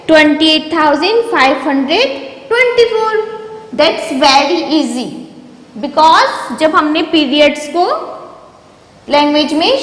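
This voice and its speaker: A woman's voice: very high voice, fairly bright tone. A woman teacher giving a maths lesson, asking questions and answering them herself. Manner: asks questions and answers them herself, repeats key terms. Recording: echoey room with long reverb.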